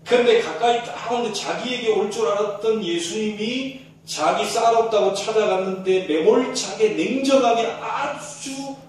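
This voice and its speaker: A male pastor giving a sermon, telling a story with animated storytelling. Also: high voice, normal speed. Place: church sanctuary. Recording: echoey church hall, distant mic.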